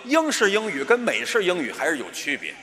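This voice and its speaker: A man plays a bossy know-it-all teacher in a crosstalk routine. His voice sits high, bright and animated, with a long hall reverb behind it. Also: a little fast. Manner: bossy mock teacher, drilling his partner in English words. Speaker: crosstalk lead performer. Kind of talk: stage crosstalk comedy. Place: theater stage with a live audience. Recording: reverberant hall, faint noise.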